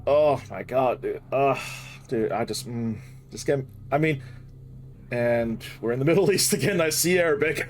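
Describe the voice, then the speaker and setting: A man hosting a gaming reaction video, a mid-pitched voice that jumps up when something excites him. He swears freely and talks over the clip he is watching. The delivery stays casual and loose. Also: normal speed, slight background noise.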